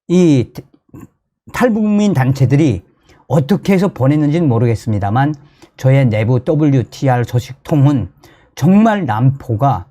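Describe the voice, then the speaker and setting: Man, North Korean accent, emphatic commentary host, mellow dark tone, fairly high pitch, repeats phrases. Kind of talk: news commentary monologue to viewers.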